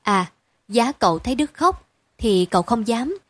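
A woman narrating a story in an even, measured reading style. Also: on the high side, dry recording.

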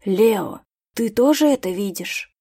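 A woman voicing a composed, curious male mage with measured, formal speech in an audiobook. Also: medium pitch, lively intonation, warm tone, breathy edge, no room sound, clean studio sound, exaggerated voice.

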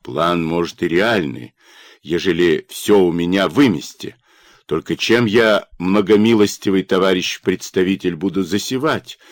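Male narrator as a plaintive, pleading peasant, low, dry voice. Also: a little slow, no echo.

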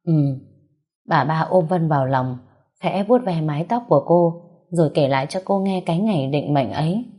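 A woman narrating a family drama story in a measured, emotive way. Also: deep voice, dark tone.

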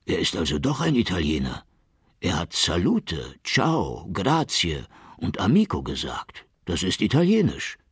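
A man voicing a curious, excitable male innkeeper in an audiobook. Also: low-pitched, a little slow, breathy edge, no echo, clean studio sound, exaggerated voice. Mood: astonished. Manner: excitable, questioning.

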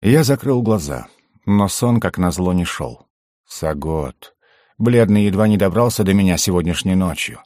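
Deep calm guy reading a fantasy audiobook, dry studio. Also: moderate pace, dry recording. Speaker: audiobook narrator. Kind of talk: scripted narration.

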